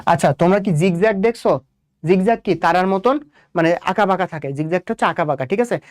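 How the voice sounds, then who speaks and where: A young Bangladeshi man with a Bangladeshi Bengali accent tutors students through exam questions at a brisk clip. He repeats key points and keeps firing rhetorical questions at his class. His voice is recorded close and dry, with no room sound. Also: sits high, dry recording. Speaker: biology tutor. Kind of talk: exam-prep lecture.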